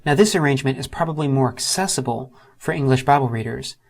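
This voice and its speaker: A man narrates a screen-recorded software tutorial, moving methodically through each step. His medium-pitched voice has lively intonation, and he slows down to spell out letters and terms.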